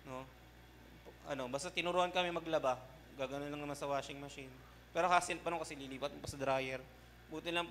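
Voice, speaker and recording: A young adult man, a pastor preaching in a relaxed, conversational way that keeps checking in with the congregation. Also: a little high, slight background noise. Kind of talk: sermon.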